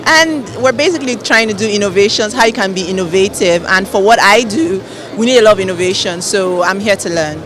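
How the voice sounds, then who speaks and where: A woman's voice: medium pitch, fairly quick. Enthusiastic woman, crowd behind. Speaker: travel consultant. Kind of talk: vox pop interview. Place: busy conference event.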